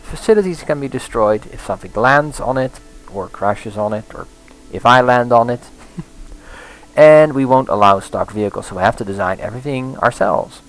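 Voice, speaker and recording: Let's-play host, male, mid pitch, gravelly fry, rambling thinking-aloud delivery, faint music under. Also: expressive, moderate pace, rough recording. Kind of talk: casual gameplay commentary.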